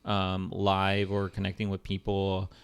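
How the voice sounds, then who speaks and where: A young man co-hosting a casual podcast discussion, pausing often with ums and restarting his sentences. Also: sits low, monotone, clean tone. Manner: hesitant, many ums and restarts. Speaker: podcast co-host.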